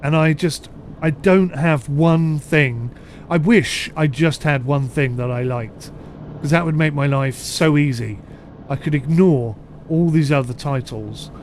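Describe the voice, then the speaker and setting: A man's voice: fairly high pitch, unhurried, few pauses, a little mellow, a little hiss or hum. Chatty British man streaming a sim game. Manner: chatty, self-deprecating, answers chat comments aloud. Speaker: streamer playing a ship simulator. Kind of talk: casual live-stream commentary.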